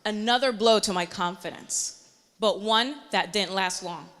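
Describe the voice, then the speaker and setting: Woman in her thirties, earnest motivational storyteller, bright voice with a long hall echo. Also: medium pitch, unhurried. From Panama. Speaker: meteorologist. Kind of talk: personal story speech.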